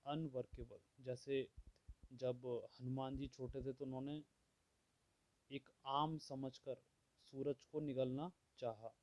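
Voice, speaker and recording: A man teaching vocabulary, explaining words and listing their opposites at a steady pace, often checking in with "theek hai". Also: mid-range voice, no echo, highs cut off. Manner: slow and measured, repeats "theek hai" often. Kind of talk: explaining word meanings.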